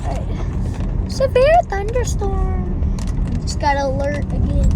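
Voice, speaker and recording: A woman storm chaser giving casual, excited live commentary in an awed, exclamatory, slangy way. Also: extremely high pitch, takes it slowly. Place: outdoors and in a vehicle during a storm. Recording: loud storm and vehicle noise, distant mic. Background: wind, rain and vehicle noise.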